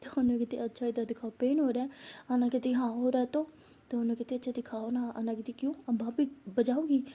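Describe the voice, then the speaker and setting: A woman narrating a romantic story and voicing its characters in a soft, partly whispered manner. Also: on the high side, breathy edge.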